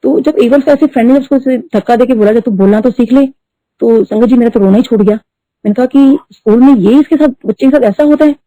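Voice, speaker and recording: A middle-aged woman telling a devotional story at a satsang, talking fast and mixing in English words. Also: fairly high pitch, mellow, no room sound. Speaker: devotee sharing testimony. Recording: dull lo-fi dry recording.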